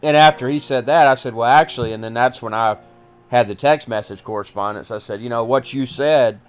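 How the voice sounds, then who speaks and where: A man hosting a podcast, telling his own story in a casual, halting way with many restarts. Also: medium pitch, clear, resonant tone, soft background music. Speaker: podcast host recounting personal story. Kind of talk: casual first-person storytelling.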